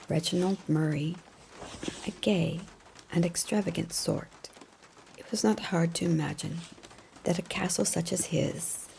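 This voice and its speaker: Slow whispering woman, gravelly soft. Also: on the low side, slight background noise, poor audio. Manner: soft unvoiced whisper throughout; slow, gentle, soothing. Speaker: ASMR storyteller. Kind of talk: whispered ASMR bedtime story and roleplay. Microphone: close mic, whispering near the ear.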